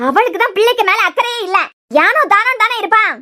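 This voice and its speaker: A woman voicing a sharp-tongued grandmother and mother-in-law in a cartoon serial, speaking with a Kanyakumari Tamil accent and a nagging, scolding manner. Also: extremely high pitch, quick pace.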